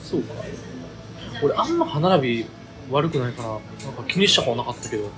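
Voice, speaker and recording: A young man with a Kansai accent chats casually, often questioning his friend. His mid-pitched voice moves up and down animatedly, with music clearly behind it. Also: very animated, brisk, rough recording. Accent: Kansai Japanese. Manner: questioning, inquisitive. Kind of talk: casual chat between friends.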